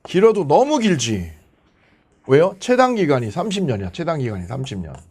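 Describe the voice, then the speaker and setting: A man's voice: on the high side, sing-song, a little fast, a little mellow, husky. A man teaching a law exam prep lecture. He asks himself questions, answers them, and repeats the key numbers.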